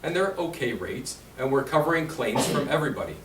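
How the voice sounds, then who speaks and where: A man's voice: medium pitch, very animated, fairly quick. Chatty man giving a talk. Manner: chatty, quizzes the audience. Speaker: insurance presenter. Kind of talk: conversational seminar talk. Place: meeting room at a seniors' residence. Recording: roomy, distant, faint hiss.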